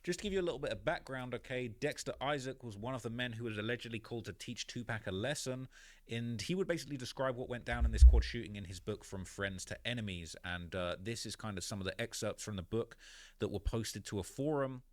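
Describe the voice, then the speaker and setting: A man's voice: mid-range voice, fast, a little mellow, no room sound. A man narrating a story in a conversational way, with many "you know" and "basically" fillers. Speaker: YouTube narrator.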